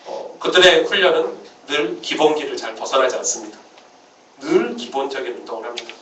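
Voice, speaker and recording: A man preaches at a Friday church service in an easy, conversational way, filling pauses with "uh" and restarting sentences. He sounds set back from the microphone in an echoey sanctuary. The phone recording is dull and muffled, with faint room noise behind him. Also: mid-range voice, lively intonation, fairly bright tone, distant mic. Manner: conversational, frequent "uh" fillers and restarts. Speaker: pastor. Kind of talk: casual sermon at a Friday service.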